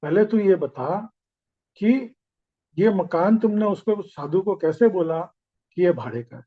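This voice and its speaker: Furious rich old father-in-law scolding hard, a man doing the voice, kinda high, bit muffled. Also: animated, unhurried, slightly rough, exaggerated voice. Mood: angry. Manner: indignant scolding. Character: angry wealthy old male father-in-law.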